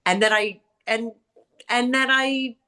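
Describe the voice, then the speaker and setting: A middle-aged woman with a raspy, grating, nasal voice, talking bluntly and candidly as an interview guest, acting out what people said. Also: a little high, slow pace. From New York area. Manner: blunt, animated storyteller who acts out quotes. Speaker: interview guest, salon owner and author.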